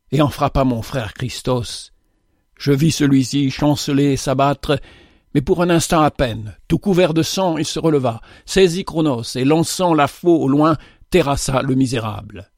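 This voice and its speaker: A man narrates a literary tale in a measured, dramatic manner, his voice sitting slightly high for a man. He is miked close, and the sound is completely dry. Each sentence is delivered with storytelling weight. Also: darkish tone, no room sound.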